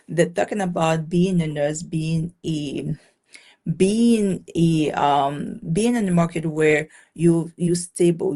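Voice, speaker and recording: A low, slightly mellow voice with vocal fry belongs to a woman from Haiti who runs a caregiving business. Interviewed as a guest, she talks casually and chattily, restarting a lot, filling gaps and laughing readily.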